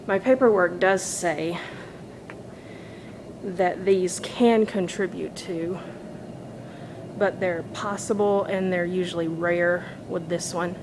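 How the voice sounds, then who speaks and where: A woman's voice: lowish voice, fairly even intonation, slow pace, noisy background. A woman talking casually and chattily to camera while walking laps, sounding slightly tired. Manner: chatty, informal. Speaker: vlogger. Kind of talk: casual personal vlog talk. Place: walking laps, phone recording.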